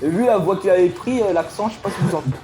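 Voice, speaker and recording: A gamer commenting live on an online match, excitable, swinging from low mutters to loud outbursts. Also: racing, faint music behind. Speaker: gaming commentator.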